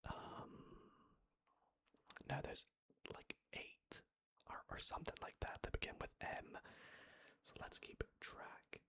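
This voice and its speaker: Typing steadily, the ASMR creator mutters under their breath, fixing little mistakes as they go. Their delivery is a gentle, breathy whisper, slow and halting.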